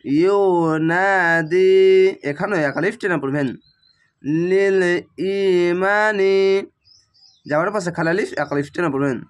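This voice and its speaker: A man teaching Quran reading, chanting each Arabic word slowly and stretched out, then explaining the rules quickly in plain speech. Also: fairly high pitch, a bit bright. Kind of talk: slow spelled-out recitation lesson.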